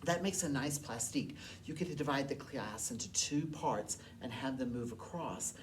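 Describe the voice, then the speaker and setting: A woman teaching a movement class, telling a story in an expressive, animated way. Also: extremely low pitch, normal speed, a little hiss or hum. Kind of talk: storytelling music lesson. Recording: distant mic, loud piano behind.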